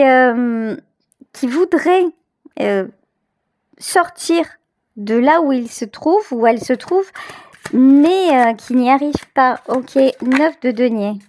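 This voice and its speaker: A high, slightly mellow voice, recorded at studio quality with no echo, belongs to a tarot reader hosting her channel. Talking straight to the viewer, she gives an improvised, intuitive reading full of emphatic repeated phrases.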